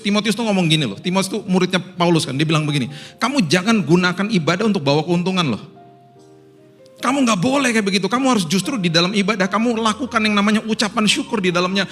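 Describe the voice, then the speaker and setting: A male pastor from Indonesia preaching a sermon, jumping between low and high tones and acting out the voices of the people he quotes. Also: fast, a bit bright. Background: faint music.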